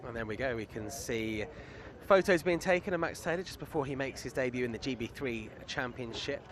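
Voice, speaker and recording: A man's voice: mid-range voice, fairly quick, fairly bright tone. A man presenting a motor race broadcast, chatting upbeat with drivers and his co-commentator. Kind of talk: trackside broadcast interviews.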